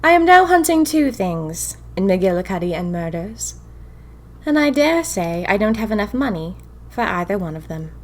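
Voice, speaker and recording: A woman with a medium-pitched voice narrates a fiction podcast as a whimsical, bored young typist in the 1920s, confiding in her diary in the first person. She sounds intrigued and smitten, delivering her lines wryly and expressively with dramatic pauses.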